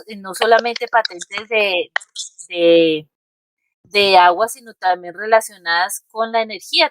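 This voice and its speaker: A woman's voice: medium pitch, rough recording. A woman host presenting and asking questions, hesitant and full of fillers as she reads out details. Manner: hesitant, many fillers and restarts while reading out details. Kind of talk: interview introduction and questions. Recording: clear background noise, typing.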